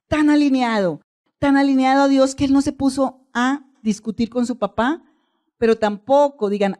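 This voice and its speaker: Emphatic woman preacher, higher voice. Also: a little mellow. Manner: calls the congregation to repeat phrases; emphatic, slows down on key phrases. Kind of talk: sermon.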